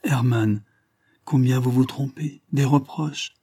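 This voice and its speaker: A man voicing a gentle, earnest young woman pleading with her cousin in a storybook reading. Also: medium pitch, fairly even intonation, moderate pace, breathy edge, no echo, clean studio sound, pitched above the performer's own voice, close to an everyday voice. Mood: pleading tender. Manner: pleading, impassioned.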